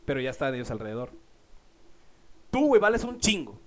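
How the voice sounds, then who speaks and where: A man's voice: medium pitch, big pitch swings, a little fast, voice pushed down, natural voice. A man playing a drunk, boastful male doctor who keeps repeating his praise. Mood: drunk gushing.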